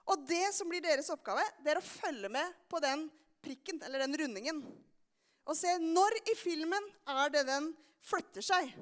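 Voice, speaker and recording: A young woman telling a Bible story to a church congregation and asking them questions often. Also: extremely high pitch. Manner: animated, asks the audience questions often. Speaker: children's sermon leader. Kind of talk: lively storytelling sermon for a congregation.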